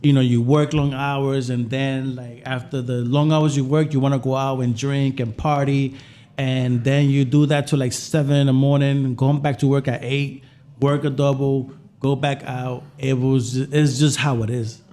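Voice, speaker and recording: The speaker is a Puerto Rican chef appearing as a podcast guest, his mid-range voice mellow and his delivery flat at normal speed. He relates personal stories informally, frequently repeating phrases.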